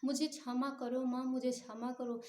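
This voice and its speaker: A woman's voice: sits high, flat delivery, moderate pace, a little mellow, natural voice. A woman voicing a grieving young wife who pleads tearfully with a goddess to restore her husband. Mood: pleading. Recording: roomy echo.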